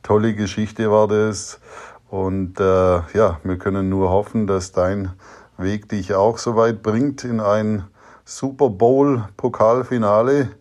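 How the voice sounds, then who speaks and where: A man's voice: lowish voice, fairly even intonation, slow pace, darkish tone. A man, a father recording a fond, reminiscing message to his son, with some hesitant fillers.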